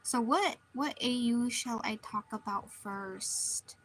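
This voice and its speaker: A woman's voice: a little high, slow, a bit bright, a little hiss or hum, low-quality recording. A woman streamer chatting casually while she draws, rambling and restarting her sentences often. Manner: rambling, meandering, many restarts.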